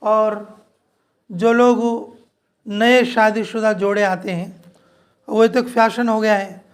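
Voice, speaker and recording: A man's voice: high-pitched, fairly even intonation, slow. A man preacher giving an informal sermon to a women's group, repeating his points in earnest, direct appeals. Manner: repetitive, earnest exhortation addressing listeners directly. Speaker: Islamic preacher.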